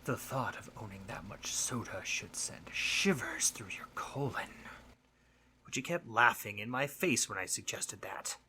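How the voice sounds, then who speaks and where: In a roleplay audio monologue, a man voices a sleep demon who is mischievous yet concerned, speaking huskily and conversationally, by turns earnest and teasing, and sometimes dropping into breathy near-whispers. His fairly low, expressive voice moves at a measured pace and sounds pushed and bright, in an exaggerated character voice. The mood is playful and nostalgic.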